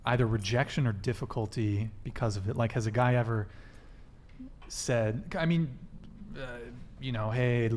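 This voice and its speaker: A man hosting a livestream dating talk show, playful and animated, often restarting his questions. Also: mid-range voice, moderate pace, a little hiss or hum. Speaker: host.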